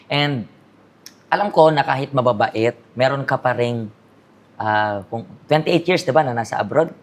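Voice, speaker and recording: Very low-pitched woman pastor hosting a church interview, reflective and probing. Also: normal speed. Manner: mixes English into questions, many "parang" fillers, rephrases the guest's answers back.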